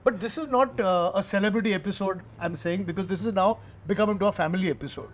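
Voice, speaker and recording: Chatty high-voiced man hosting lunch. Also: fast, slight background noise. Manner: chatty, laughs often, switches between English and Marathi. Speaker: food show host. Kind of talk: casual chat over lunch. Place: open-air terrace dining table.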